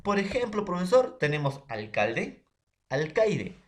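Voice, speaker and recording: A man, from Peru, presenting a lesson in class in a halting way, stopping often to address the teacher and classmates and to check they follow. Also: high voice, big pitch swings. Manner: keeps addressing teacher and classmates between phrases; halting, many fillers and checks for understanding.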